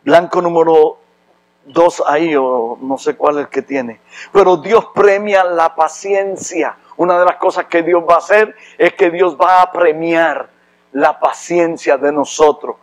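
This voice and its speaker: A man from Rico, preaching a sermon with impassioned, emphatic delivery that rises to loud preaching. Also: a little high, a little slow, low-quality recording. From Puerto Rico. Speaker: pastor.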